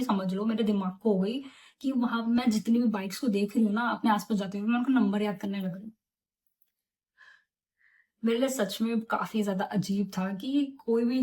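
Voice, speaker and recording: Young woman vlogger, chatty storytime, animated retelling, mid-pitched. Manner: animated, chatty retelling with English words mixed in. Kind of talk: casual storytime vlog.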